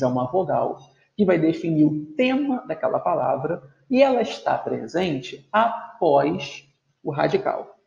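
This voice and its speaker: A man teaching a video lesson in a gravelly, slightly high voice. He explains step by step and keeps checking in with the class. The recording sounds roomy and dull. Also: a little mellow.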